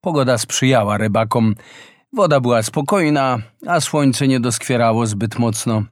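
A man reading a fairy tale aloud as a slow, expressive storyteller in a close, dry recording. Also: mid-range voice, no echo. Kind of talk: scripted fairy-tale narration.

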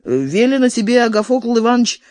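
Young man, voiced by a reader, firm, matter-of-fact, lively pitch, storybook reading. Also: brisk, no echo, clean studio sound, close to an everyday voice. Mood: firm impatient. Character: young man, calm and scornful, estate messenger.

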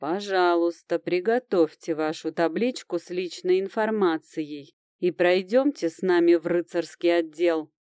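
Женщина озвучивает суровых мрачных мужчин-рыцарей городской стражи, говорящих медленно и строго. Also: female voice, fairly low pitch, dark tone, dry recording, studio quality, close to an everyday voice. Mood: grim. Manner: stern, slow and gloomy. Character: stern grim male city knights on patrol.

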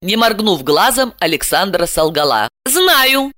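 A woman narrating an audiobook in an expressive, storytelling manner. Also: fairly low pitch, moderate pace, dry recording, studio quality. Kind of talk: scripted narration.

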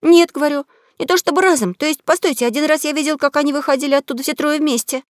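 A woman's voice: sits high, fairly even intonation, fast talker, no echo, clean studio sound, voice pushed up, lightly acted. A woman voicing a cunning young boy who plays innocent, talking eagerly and earnestly.

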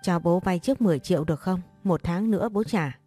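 A woman's voice: lowish voice, quick pace, warm tone, soft background music, natural voice. A woman voicing an ashamed older father who begs his daughter for money, speaking hesitantly and stammering. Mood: pleading, ashamed.

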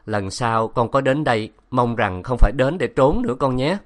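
A man voicing a kind, motherly older woman principal who speaks softly and encouragingly. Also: medium pitch, lively intonation, moderate pace, natural voice. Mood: wistful. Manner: soft, encouraging.

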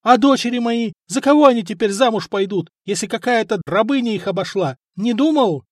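A man's voice: fairly quick, no room sound, studio quality. A man voicing a spiteful, scheming middle-aged wife of a chieftain who scolds and mocks her husband. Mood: scolding. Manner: shrill, scolding, mocking. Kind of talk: audiobook character voice.

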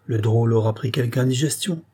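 Shrewd grim bailiff, knowing and insistent, dark raspy tone, read by a man. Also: mid-range voice, quick pace, close to an everyday voice. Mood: sly.

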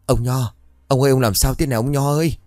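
A man's voice: fairly low pitch, lively intonation, fast, darkish tone, no echo, clean studio sound, natural voice. A man voicing an elderly village wife who calls out anxiously in an audio ghost story. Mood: worried. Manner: anxious, calling out.

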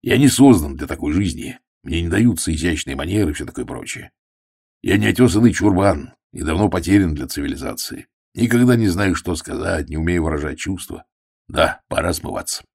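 A man's voice: deep voice, animated, a little fast, darkish tone, breathy edge, heavily acted. A man voicing a taciturn middle-aged big game hunter who speaks bluntly and awkwardly.

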